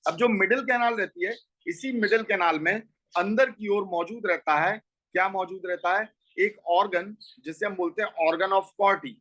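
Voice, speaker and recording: A man with a high voice, pushed and bright, lectures a biology class at normal speed on a rough recording. He explains step by step and both asks and answers his own questions.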